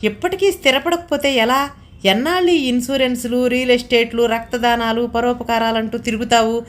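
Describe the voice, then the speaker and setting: A woman's voice: fairly even intonation, a little fast, close to an everyday voice. A woman narrator voicing a fussy, sarcastic older wife who scolds anxiously in a raised voice. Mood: scolding. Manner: scolding, anxious, higher and louder than narration.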